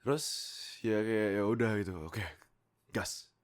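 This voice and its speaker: At a measured pace and fairly low pitch, a young adult from Indonesia tells casual, unscripted stories about himself into a close USB microphone. The YouTube creator and amateur voice actor is rambling and animated, exclaiming often and frequently giggling.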